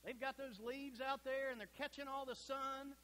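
A middle-aged man preaching a sermon in a church sanctuary, folksy and emphatic, dropping to a hush at points. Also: very high voice, steady tone, normal speed, poor audio.

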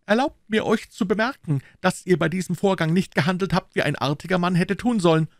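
A man's voice: high-pitched, brisk, vocal fry, no echo, studio quality, voice pushed up. A man voicing a cold, haughty young male musketeer with icy, disdainful courtesy in an audiobook reading. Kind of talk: audiobook character voice.

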